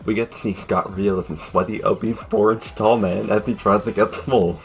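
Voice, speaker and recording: Low-voiced young man ranting about games. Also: steady tone, moderate pace, vocal fry. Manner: jokey, rambling, sudden loud outbursts. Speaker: fan reviewer. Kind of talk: casual video review narration.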